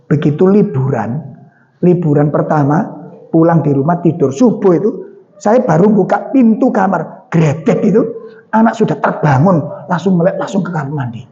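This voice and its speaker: A man's voice: fairly high pitch, animated, normal speed, mellow. A man with a Javanese accent preaching in a mosque, telling stories and asking the audience questions. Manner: chatty storytelling with questions to the audience. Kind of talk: mosque sermon. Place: mosque hall. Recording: dull sound with long hall reverb.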